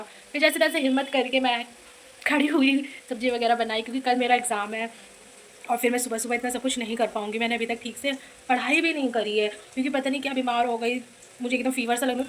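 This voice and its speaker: High-voiced chatty young woman vlogger. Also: a little hiss or hum. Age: young adult. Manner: chatty, rambling, dramatic complaints. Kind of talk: casual vlog chat. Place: home kitchen.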